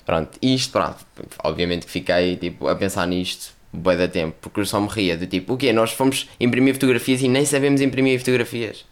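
Slangy young man, low voice. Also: steady tone, brisk. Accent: European Portuguese. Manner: slangy, rambling, swears freely. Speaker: podcast host. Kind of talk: casual solo podcast chat.

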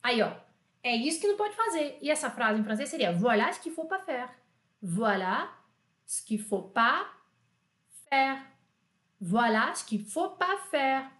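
A woman teaching French in an enthusiastic, chatty online lesson, repeating phrases slowly for learners to copy. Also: high-pitched, sing-song, fairly bright tone, reverberant.

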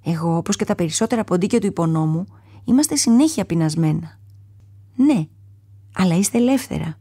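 A plucky little boy mouse from a storybook, as a woman reads him aloud. He sounds eager and earnest, pitched above the reader's own dark, husky tone in a dry, close recording. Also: animated, dry recording. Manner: eager, earnest, higher and brighter than her narration. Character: small brave young male sewer mouse. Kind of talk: storybook character voice.

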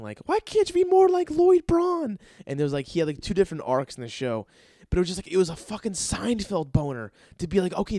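Young male storyteller, excitable, swears freely, does voices for quotes; dry close mic. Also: mid-range voice, dry recording. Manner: excitable, profane, acts out quotes in other voices. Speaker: golf caddy telling a story. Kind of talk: casual storytelling.

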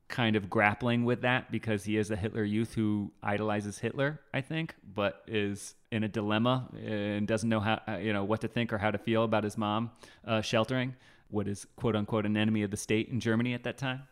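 A man co-hosting a podcast, chatting casually about a movie trailer, halting and repeating himself, quick to laugh. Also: on the low side, fairly even intonation, smooth. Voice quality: halting, lots of fillers and restarts, laughs easily. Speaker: podcast co-host. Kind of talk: casual movie-review chat.

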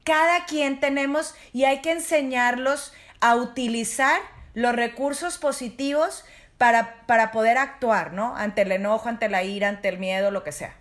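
Woman, middle-aged, high voice, parenting guest on a chat show. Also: normal speed. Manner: warm, explanatory, addresses parents directly. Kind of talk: casual advice talk.

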